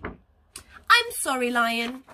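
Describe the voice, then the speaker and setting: A woman voicing a kind, cheerful female goose in a storybook, speaking politely and gently. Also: on the high side, very animated, very slow, slight background noise, voice pushed down, exaggerated voice. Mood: friendly.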